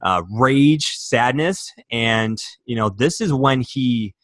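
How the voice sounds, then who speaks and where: Man from michigan, young adult, mid-pitched voice, earnest storytelling, many fillers, dry sound. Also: takes it slowly, no echo. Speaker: podcast guest. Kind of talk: candid interview storytelling.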